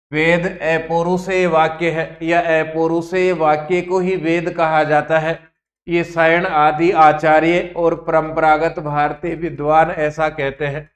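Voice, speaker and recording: A male Sanskrit teacher giving an exam-prep lecture, slowly repeating key terms word by word as if for dictation. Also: a little high.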